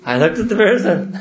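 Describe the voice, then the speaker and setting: A man's voice: high-pitched, a little hiss or hum. Man preaching in an echoey room. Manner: conversational, with rhetorical questions and chuckles. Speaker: religious teacher. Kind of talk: lecture-style sermon to young listeners. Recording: roomy, dull lo-fi recording.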